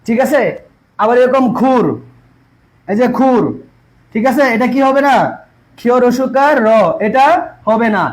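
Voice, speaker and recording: A man runs an online exam-prep lesson in a very high voice for a man, with fairly even intonation, a slightly slow pace and frequent pauses. He repeats each point and constantly throws rhetorical questions at his class. Audio quality is poor.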